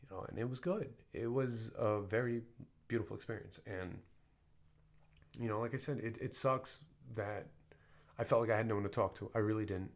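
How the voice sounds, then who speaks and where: A man talking in a casual personal monologue as a podcast host, often swearing and full of fillers, dropping to soft mumbles and then rising to loud emphatic bursts. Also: fairly low pitch, normal speed. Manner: frequent swearing and filler talk.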